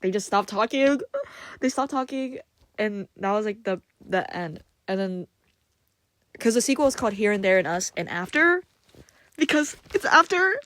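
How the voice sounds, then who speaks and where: A woman's voice: mid-range voice, animated, normal speed, no room sound. A woman hosting her own podcast, reviewing manga in a casual, unscripted monologue full of "like" and "um," with self-conscious, apologetic asides. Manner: rambling, filler-heavy, frequent "like" and "um".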